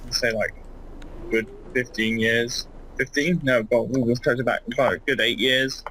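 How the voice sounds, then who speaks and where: A man in his twenties bantering during gameplay, excitable and jokingly swearing. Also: mid-range voice, moderate pace, a little hiss or hum, poor audio. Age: 20s. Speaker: gaming co-host.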